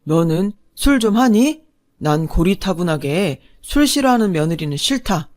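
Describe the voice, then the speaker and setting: A woman's voice: lowish voice, very animated, a little slow. Woman doing a bellowing bossy father-in-law. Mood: taunting. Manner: barking orders, loud and bullying. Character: domineering older man, a quick-tempered hard-drinking father-in-law.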